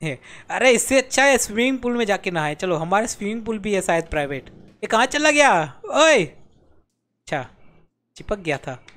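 A young man with a strikingly high voice streams a game and chats live to his viewers. He jokes around, exclaims, and pleads in playful mock despair. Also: lively intonation, fairly quick, a bit bright. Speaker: gaming streamer.

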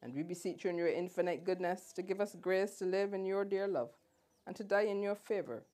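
Casting: female officiant, low voice, solemn and measured liturgical delivery of burial prayers. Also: warm tone. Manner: solemn, measured recitation with pauses. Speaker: officiating minister at a funeral. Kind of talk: liturgical funeral committal prayer.

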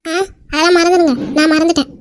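A woman voicing an angry, hurt young wife in a cartoon skit, scolding with quick indignant retorts. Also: very high-pitched, flat delivery, no echo, clean studio sound.

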